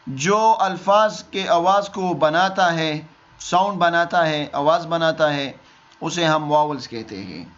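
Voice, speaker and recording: A man's voice: on the high side, a bit bright. A man teaching a beginners' lesson, explaining step by step and answering his own questions. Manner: asks questions and answers them himself, repeats key words. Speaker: English teacher. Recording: dull lo-fi recording.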